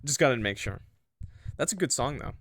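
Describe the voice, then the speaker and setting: This let's-play streamer reads a visual novel aloud and breaks off for informal, sweary, joking asides to his viewers. His medium-pitched voice is expressive, a bit bright, and fairly quick. The audio is studio quality with no room sound.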